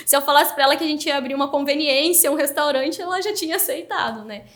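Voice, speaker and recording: A woman's voice: high-pitched, quick pace. A woman guest on a podcast, telling her story animatedly in a casual interview. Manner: animated, excited narration.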